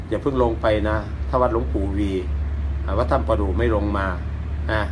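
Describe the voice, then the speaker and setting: An older man with an Isan accent, a Buddhist monk giving an informal, rambling dharma talk in a grandfatherly old-man way. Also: on the low side. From Isan, northeastern Thailand. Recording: noisy, with vehicle and ambient sound.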